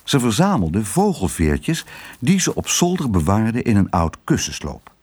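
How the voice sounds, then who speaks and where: Husky man reading a storybook. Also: fairly low pitch, measured pace. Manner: lively, expressive reading. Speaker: narrator. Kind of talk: storybook narration.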